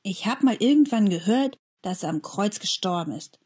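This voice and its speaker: A woman's voice: medium pitch, animated, normal speed, a little mellow, breathy edge. A woman voicing a sulky, mocking boy who grumbles and teases in a children's story. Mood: annoyed. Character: older boy, mocking bully, sulky and gruff.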